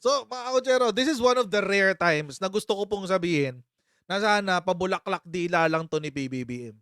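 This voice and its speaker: A man's voice: sits high, normal speed, a bit bright, no room sound, clean studio sound. Chatty, teasing man hosting a live stream. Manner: chatty, teasing, breaks into laughter often; sarcastic, mock-impersonates critics. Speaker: political commentary host. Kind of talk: casual live-stream commentary.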